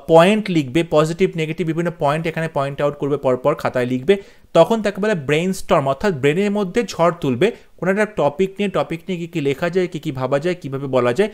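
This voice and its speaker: High-voiced tutor reading exam questions. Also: male voice. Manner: reads English questions slowly, then explains in Bengali. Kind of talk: exam question walkthrough lesson.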